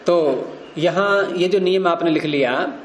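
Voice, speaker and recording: A man's voice: high-pitched, measured pace, slight background noise. A man teaching Sanskrit grammar to a class, explaining rules and quizzing his students. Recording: roomy echo.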